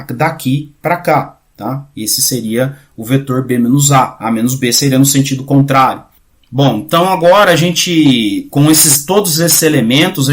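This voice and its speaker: A man giving a casual math lecture, often checking in with his students and restarting phrases, going quieter while he draws. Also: a little high. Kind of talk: informal recorded lecture.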